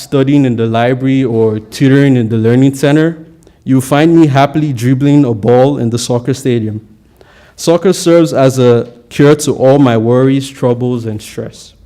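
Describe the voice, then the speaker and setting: A man's voice: medium pitch, warm tone. A young man giving an earnest, prepared valedictory speech at a college graduation, with occasional stumbles on words.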